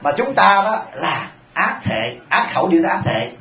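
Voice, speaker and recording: Animated monk preaching. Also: male voice, on the high side, normal speed. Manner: humorous, animated storytelling to the congregation. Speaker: Buddhist monk teacher. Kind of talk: dharma talk. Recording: echoey, dull lo-fi hall.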